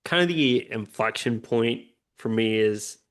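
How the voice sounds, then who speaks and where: A man's voice: medium pitch, lively intonation, unhurried, a bit bright. Earnest man. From Puerto Rico. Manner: earnest, upbeat, repeats "right?" often. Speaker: guest. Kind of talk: conversational interview.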